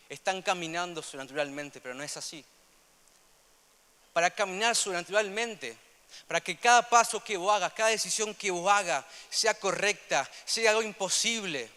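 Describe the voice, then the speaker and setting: A young man with a Rioplatense Spanish accent preaching a sermon, earnest and repetitive, moving between loud emphasis and soft asides. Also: high-pitched, clear, resonant tone. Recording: long hall reverb.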